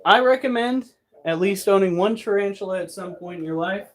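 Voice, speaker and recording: A man in his thirties with a high, brisk voice hosts a pet channel, speaking casually and bluntly in a monologue that breaks into profane rants.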